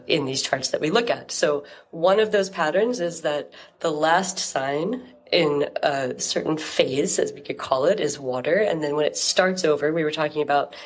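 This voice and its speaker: A woman co-hosting a podcast, slightly congested, explaining things in a halting, thoughtful way. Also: low-pitched. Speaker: podcast co-host. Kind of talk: casual podcast chat.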